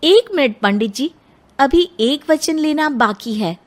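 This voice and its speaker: A woman voicing an outspoken young bride-to-be in an animated moral story, speaking firmly. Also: sits high, slow. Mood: firm, earnest. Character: educated, outspoken young bride-to-be, indignant daughter.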